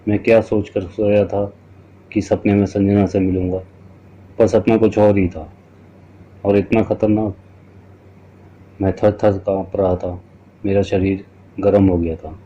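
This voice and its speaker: A man's voice: lowish voice, mellow, slightly rough. A man giving a dramatic, scripted first-person horror narration. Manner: dramatic, storytelling. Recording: dull lo-fi recording.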